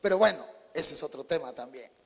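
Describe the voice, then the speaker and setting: A man's voice: fairly high pitch, lively intonation, brisk, gravelly, husky. A male preacher, giving an emphatic storytelling sermon in a church hall.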